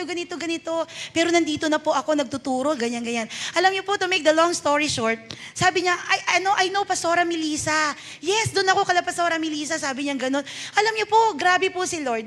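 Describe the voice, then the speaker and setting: Filipino lady pastor preaching, high bright voice, tells her story and acts out the dialogue. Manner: storytelling, switching between Tagalog and English, acting out dialogue. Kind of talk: sermon with personal story.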